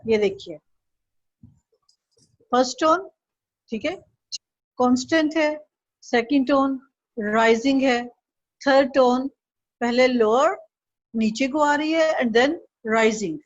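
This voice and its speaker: A woman's voice: high voice, slow pace, pauses often, muffled recording. A woman teaching an online Chinese lesson, patiently drilling syllables and tones for the student to repeat.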